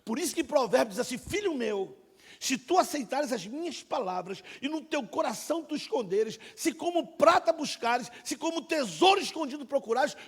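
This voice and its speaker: A middle-aged man preaching a sermon and telling his own testimony, swinging between loud and hushed like a dramatic storyteller. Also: extremely high pitch, husky. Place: church sanctuary. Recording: long hall reverb.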